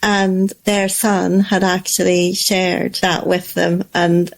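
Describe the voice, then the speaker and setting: A woman with a low voice and a gravelly, creaky edge. She talks in a reflective, halting way, often restarting and correcting herself mid-thought in relaxed podcast conversation. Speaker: podcast co-host. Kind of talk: casual conversation.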